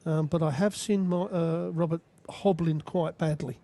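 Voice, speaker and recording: A man's voice: on the high side, steady tone, normal speed, mellow. A man giving conversational, analytical live darts commentary as a co-commentator. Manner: analytical, addresses his co-commentator.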